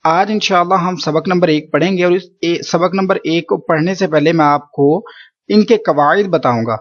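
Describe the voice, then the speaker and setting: Male recitation teacher, slightly high-pitched, patient and repetitive delivery, muffled lo-fi recording. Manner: patient, repeats points with "theek hai". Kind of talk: explanatory lesson.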